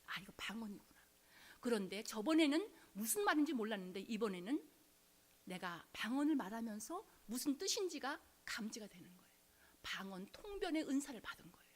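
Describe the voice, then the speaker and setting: A woman's voice: fairly high pitch, sing-song, a little fast. A woman preaching, telling a conversion story with dramatic swings into whispers and acted-out quotes. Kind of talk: sermon storytelling.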